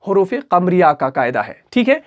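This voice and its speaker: High-voiced man teaching recitation rules. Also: very animated, normal speed. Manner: patient, repetitive, asks and answers his own questions. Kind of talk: explanatory recitation lesson.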